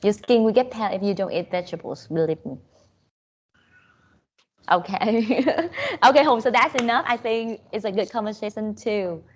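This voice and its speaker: A woman with a Southern Vietnamese accent leads an online English lesson at a mid-range pitch. She moves back and forth between English and Vietnamese, dropping in "okay" often. The audio is muffled and lo-fi. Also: unhurried. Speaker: English teacher. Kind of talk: online class teaching.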